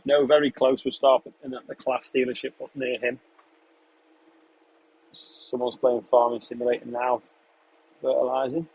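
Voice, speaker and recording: A man's voice: mid-range voice, moderate pace, pauses often, a little hiss or hum, rough recording. A young man from England live-streaming from his sprayer cab, chatting casually and answering viewers' questions while he works. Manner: relaxed, chatty, answers questions between running commentary on the job. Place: inside a tractor sprayer cab, in a field.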